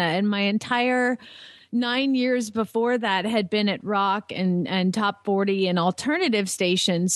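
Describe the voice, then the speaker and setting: A woman's voice: on the high side, dry recording, clean studio sound. A woman from Atlanta, telling family stories and laughing easily as a radio guest. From Atlanta, Georgia. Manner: laughing, chatty storyteller. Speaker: radio guest, former country DJ. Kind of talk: casual radio chat.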